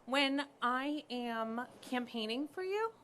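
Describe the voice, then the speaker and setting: A woman's voice: sits high, lively intonation, takes it slowly, a bit bright, slight background noise. A woman volunteering for a campaign asks a hesitant question from the audience.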